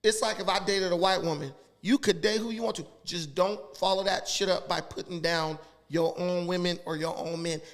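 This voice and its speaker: A high-pitched man talks as a podcast guest. He is blunt and crude. He hammers his points home insistently. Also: fairly even intonation, moderate pace, few pauses. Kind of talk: heated casual talk.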